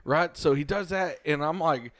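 A middle-aged man co-hosting a casual podcast, telling stories in an animated way and calling his friend "bro" and "dude" a lot. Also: fairly high pitch, moderate pace, dry recording. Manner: animated storytelling, says "bro" and "dude" often. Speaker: podcast co-host. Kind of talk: casual chat.

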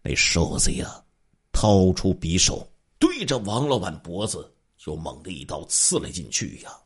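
A man's voice: low voice, big pitch swings, unhurried, husky. A man telling a true-crime story in a dramatic, swooping storytelling manner.

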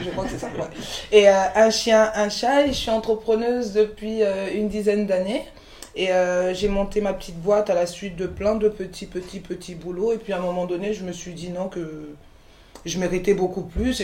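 Born in the Ivory Coast, this woman in her forties is a chef and entrepreneur appearing as a guest in a candid conversational interview. Her lowish voice has a warm tone, and she talks frankly with plenty of restarts and fillers, recorded in an echoey room.

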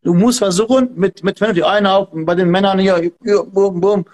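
A high-pitched man with a steady, darkish tone speaks at normal speed. Acting as a martial arts instructor on a podcast, he offers fervent, emphatic advice and keeps repeating himself.

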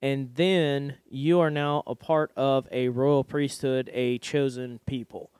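A man's voice: medium pitch, steady tone, takes it slowly, darkish tone, clean tone, dry recording. A man in his thirties hosting a casual faith podcast from a basement studio, laughing often and explaining at length. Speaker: podcast host.

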